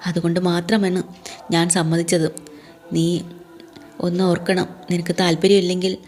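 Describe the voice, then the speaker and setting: A woman's voice: lowish voice, flat delivery, normal speed, darkish tone, soft background music, close to an everyday voice. A woman reading a sad, pleading father. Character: grieving father, older man, gentle and sad.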